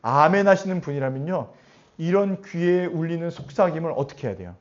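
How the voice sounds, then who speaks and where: A man preaching a sermon as pastor, animated and often putting questions to his congregation. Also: a little high, brisk. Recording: dull lo-fi recording.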